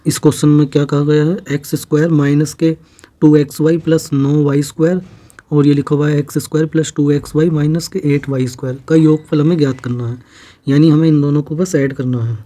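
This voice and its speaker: Dark-voiced man teaching math. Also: a little high, level tone, fairly quick. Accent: Hindi-speaking North Indian. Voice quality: patient step-by-step explaining, frequent check-ins. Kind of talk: exam-prep math lesson.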